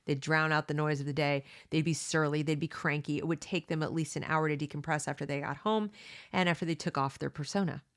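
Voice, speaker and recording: Her voice is low-pitched, brisk and steady in tone. A middle-aged woman homeschooling her kids, she reads from a book, then stops for earnest, opinionated, emphatic asides, checking in with "okay?" and "you know." along the way.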